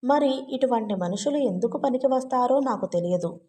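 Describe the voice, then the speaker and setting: A brooding, lovesick young man pours out his swings between despair and pride in an earnest storybook confession, as a woman reads him in her own higher voice. The tone is mellow and soft-edged. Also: animated, moderate pace, lightly acted. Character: moody young man in love, prone to gloom.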